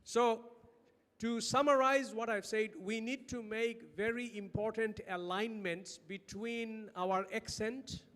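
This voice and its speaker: A man with a Bangladeshi accent presents at an academic conference in a notably high voice. He speaks emphatically, putting questions to his listeners as he makes his points. His words ring with the long reverb of a hall. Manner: emphatic, uses rhetorical questions. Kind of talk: lecture-style conference presentation.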